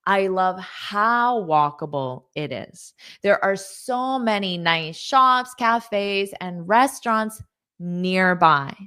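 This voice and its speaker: A woman's voice: medium pitch, animated, takes it slowly, pushed and bright, clear, resonant tone. A woman teaching English in a live online lesson, reading out viewer comments, repeating words patiently and praising students.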